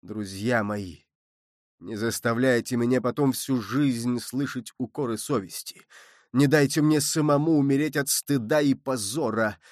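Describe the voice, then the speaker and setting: A man voicing a noble, merciful count who speaks in a low, soft and solemn way. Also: a little slow, no echo, clean studio sound, close to an everyday voice. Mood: pleading. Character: noble older male count, grave and merciful.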